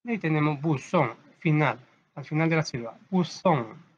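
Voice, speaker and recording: A man, reading a story and then teaching a first-grade reading lesson, patiently repeating words slowly for young children. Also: a little high, dull audio. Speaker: primary school teacher.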